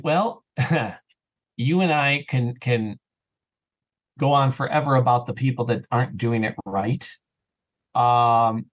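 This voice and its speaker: A man with a mid-range voice, heard in a rough recording, is a podcast interview guest who writes and acts in audio dramas. He talks casually and conversationally, opinionated and emphatic.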